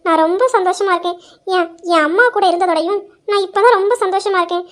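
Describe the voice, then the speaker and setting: A young woman telling a dramatized story, speaking in a soft, earnest and protective way. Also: extremely high pitch, fairly even intonation, fast talker. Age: young adult. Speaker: narrator voicing a young wife.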